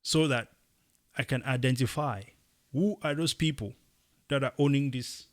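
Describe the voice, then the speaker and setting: A young man from Cameroon co-hosting a casual opinion chat, talking emphatically and rising into animated bursts. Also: mid-range voice, moderate pace. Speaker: podcast co-host.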